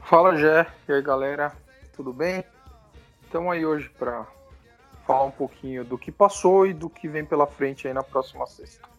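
A man's voice: on the high side, moderate pace, highs cut off, soft background music. A man from Brazil co-hosting a podcast, talking in a hesitant way with many restarts. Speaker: podcast co-host. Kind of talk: casual podcast chat.

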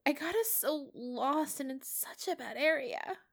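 A woman's voice: fairly high pitch, wildly swooping pitch, moderate pace, voice pushed up. Fields: Figure: woman voicing a meek, teary young man. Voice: small and trembling. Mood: frightened, tearful.

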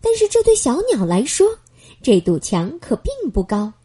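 A woman reading a children's bedtime story aloud in a gentle, expressive manner. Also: on the high side, normal speed, breathy edge.

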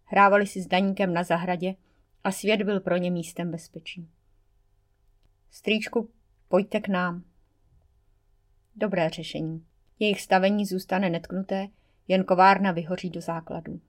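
Woman narrator, scripted audiobook reading, wry and expressive storytelling. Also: on the low side. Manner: first-person male narrator voice, wry, expressive.

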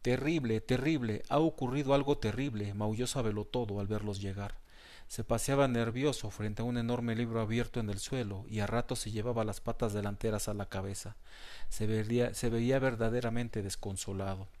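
A man narrating a children's story as an audiobook, in a measured, even storytelling voice. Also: lowish voice.

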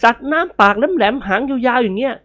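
A woman voicing a cheeky, quick-tempered young man who argues playfully in a storybook reading. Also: fairly high pitch, a bit bright, pitched above the performer's own voice. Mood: arguing. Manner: playful, argumentative.

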